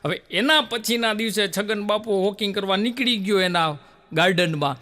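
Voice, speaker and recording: A man's voice: high-pitched, normal speed, sharp tone. A man telling jokes as a stand-up comedian, chatty and laughing at his own punchlines.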